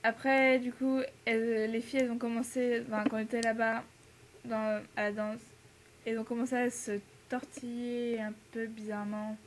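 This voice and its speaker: Chatty French teen girl, higher voice. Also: level tone, moderate pace, slight background noise. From France. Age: teens. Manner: chatty, many fillers and laughs, mixes in English words. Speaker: exchange student vlogger. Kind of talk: casual chat to camera.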